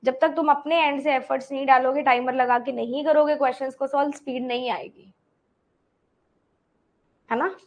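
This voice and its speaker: A woman's voice: high-pitched, fairly even intonation, normal speed, pauses often. A woman teacher explaining a puzzle step by step, repeating items and checking in with her students. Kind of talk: online class explanation.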